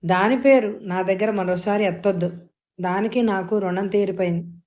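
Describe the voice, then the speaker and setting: Woman reading a bitter jealous middle-aged guy, heated, mellow tone, audio novel. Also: medium pitch, moderate pace, natural voice.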